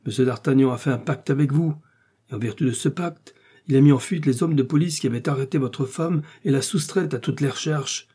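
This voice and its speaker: A man's voice: mid-range voice, fairly quick, mellow, slightly rough, voice pushed up, lightly acted. A man voicing a stern, suspicious police commissioner who interrogates in a storybook reading.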